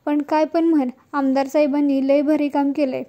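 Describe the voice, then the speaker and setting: A woman's voice: high voice, little pitch movement, normal speed, mellow. A woman voicing a gossipy village man at a tea stall who claims inside knowledge. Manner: knowing, gossipy.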